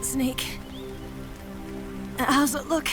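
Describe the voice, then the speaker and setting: Eva, high-voiced bold female spy. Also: level tone, extremely slow, loud music behind the voice. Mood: weary, teasing. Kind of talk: dramatic video game cutscene acting.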